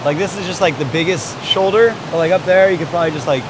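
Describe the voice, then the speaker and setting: Young man, high voice, slangy surf chat. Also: fast talker. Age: young adult. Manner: slangy, teasing. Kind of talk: casual chat in a surf vlog. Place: outdoors at a beach car park. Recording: noisy outdoor camera audio.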